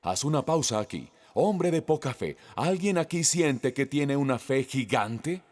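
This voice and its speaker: Man, pastor delivering a sermon; slow, animated delivery; long hall echo. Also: mid-range voice. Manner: slow, emphatic preaching with questions to the congregation.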